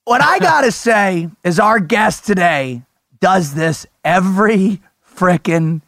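An American man hosting a show, telling stories in an animated, slangy, bro-ish way. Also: high voice, takes it slowly, dry recording, clean studio sound. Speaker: host of an interview show. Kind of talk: casual chat and storytelling.

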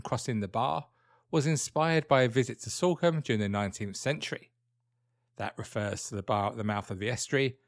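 A man's voice: mid-range voice, dry recording, studio quality. A British man hosting a true crime podcast, narrating from a script in a conversational way with dryly wry asides. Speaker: podcast host.

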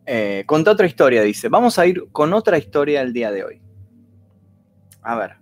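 Chatty Argentine man, slightly high voice. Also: big pitch swings, moderate pace, faint music behind. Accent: Argentine Spanish. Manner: chatty, rambling, effusively thanks donors; reads viewer messages aloud. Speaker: livestream host reading viewer stories. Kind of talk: casual livestream chat.

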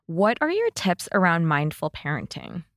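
A woman's voice: fairly low pitch, huge pitch swings, normal speed, no echo, studio quality. A woman hosting a podcast interview, who asks her questions casually, with lots of fillers and eager agreement. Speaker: podcast host.

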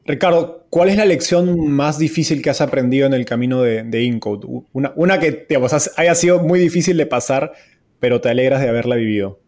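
A man's voice: mid-range voice, brisk. Podcast host guy, chill and chatty, asking questions. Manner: relaxed, asks questions. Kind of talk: interviewer.

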